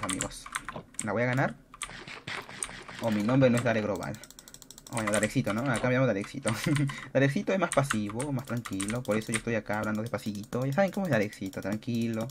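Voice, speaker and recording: A man giving chatty, excitable live commentary on a game he is playing at his computer, repeating words in quick bursts. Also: lowish voice. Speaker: gaming YouTuber. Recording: noisy, with keyboard clicks.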